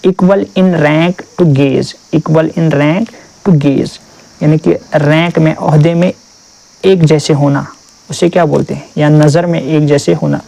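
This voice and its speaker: A man teaching exam vocabulary, reading English definitions slowly and drilling each term with repeated questions. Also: a little high, gravelly, dark tone, poor audio.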